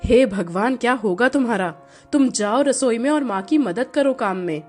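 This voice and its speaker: A woman's voice: fairly high pitch, expressive, normal speed, a little mellow, faint music behind, voice pushed down. A woman voicing an impatient young husband who scolds his wife, in a storybook narration. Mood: scolding. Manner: stern, scolding.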